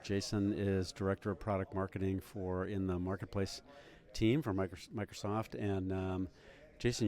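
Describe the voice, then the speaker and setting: A man's voice: sits low, darkish tone. A man hosting an interview at a busy conference, chatting casually with plenty of fillers and restarts. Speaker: podcast host.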